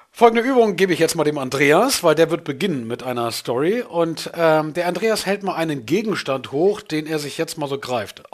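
A man hosting an improv workshop and setting up a storytelling exercise for his partner. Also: fairly high pitch. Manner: animated, explaining an exercise. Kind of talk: instructional hosting.

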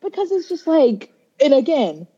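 A chatty woman co-hosts a podcast, her voice sitting a little high. She keeps retelling stories and slipping into quoted voices. The recording sounds dull and lo-fi. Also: big pitch swings, moderate pace, mellow. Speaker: podcast co-host. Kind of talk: casual chat.

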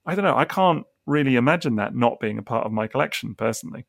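Gravelly man, dry sound. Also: mid-range voice, animated, quick pace, no echo. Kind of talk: casual chat about collectible toys.

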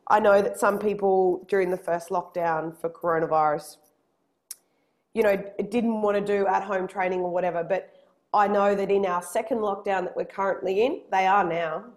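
A woman with an Australian accent, a personal trainer co-hosting a casual podcast chat, with a loud, strongly projected voice. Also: mid-range voice. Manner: lively and quick when excited.

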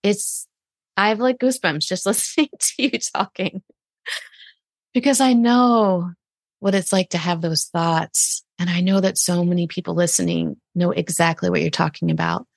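Gravelly-voiced woman podcast host. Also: fairly low pitch, steady tone, moderate pace, dry recording, clean studio sound. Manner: effusive, affirming, repeats phrases for emphasis. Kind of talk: warm interview chat.

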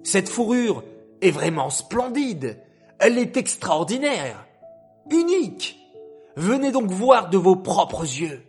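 An astonished noble guest in a spoken storybook, as a male narrator puts him on. His voice jumps high with excitement, with faint music behind. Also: takes it slowly, heavily acted. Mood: amazed. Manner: excited, admiring.

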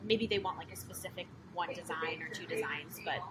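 A young woman who runs a home baking business in Costa Mesa, California, speaks a little fast in a lowish voice. As a casual interview guest she sounds relaxed, saying "like" and "you know" often, with noise in the background.

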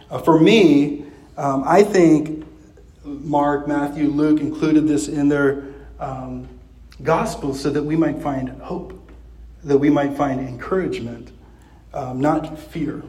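A man's voice: fairly high pitch, warm tone, roomy sound, poor audio. A man preaching a sermon as pastor, talking in a loose, conversational way with many fillers and restarts.

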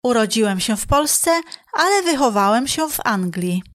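A woman reading short phrases slowly and clearly for a language lesson. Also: fairly high pitch, big pitch swings, no echo, studio quality. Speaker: phrase reader in the learner's language.

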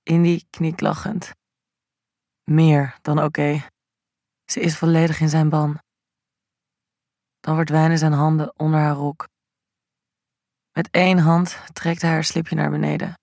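Slow, level male erotic-story narrator. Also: fairly high pitch, creaky, dry recording, studio quality. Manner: slow, even, intimate reading.

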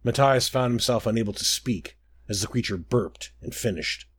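A man's voice: medium pitch, normal speed, fairly bright tone, slightly rough. A man narrating a scripted fantasy adventure story.

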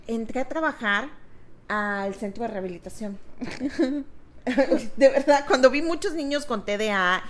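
A woman co-hosting a podcast in casual chat, animated and self-mocking, laughing a lot. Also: fairly high pitch, measured pace, a crowd in the background. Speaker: podcast co-host.

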